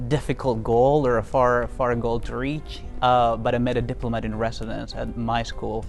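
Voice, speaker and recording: Young man from Venezuela, gravelly, mid-pitched, earnest and halting with fillers; interviewee. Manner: earnest, many fillers and restarts. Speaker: interviewee, diplomat. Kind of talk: casual interview talk.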